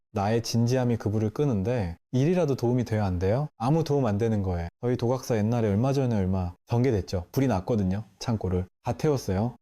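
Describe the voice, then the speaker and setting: Male monk, preaching in a temple hall, very warm and mellow tone, playful and teasing, keeps quizzing his listeners. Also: medium pitch. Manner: playful storyteller, asks the audience questions. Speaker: Buddhist monk giving a dharma talk. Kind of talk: lively Q&A sermon to a temple audience.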